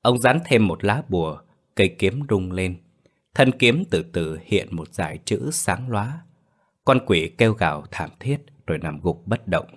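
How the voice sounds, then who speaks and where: A man narrating a horror story in a steady, dramatic way. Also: low-pitched, a little slow.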